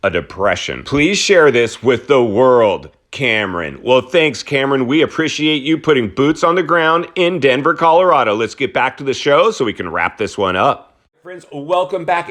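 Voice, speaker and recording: A man's voice: a little high, a bit bright. A middle-aged American man giving dramatic market commentary as a host, emphatic and fond of repeating phrases for effect, addressing viewers directly. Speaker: real estate YouTuber and host.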